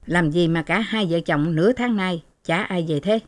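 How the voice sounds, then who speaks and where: A woman's voice: fairly low pitch, normal speed, lightly acted. A woman reading an audiobook voices a caring, fussing elderly mother.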